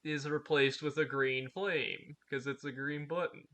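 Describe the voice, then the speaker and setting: A man giving relaxed, chatty commentary while streaming a game. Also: a little high, measured pace. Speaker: gameplay streamer. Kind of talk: casual gameplay commentary.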